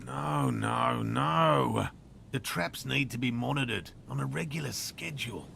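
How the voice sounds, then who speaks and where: A man's voice: mid-range voice, slow, creaky, sharp tone, slight background noise, heavily acted. An actor playing an eager, self-conscious male cryptozoologist in a video game, talking in a stiff, prim way. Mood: earnest. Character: fussy, eager male cryptozoologist hunting a creature. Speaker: game character. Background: game music.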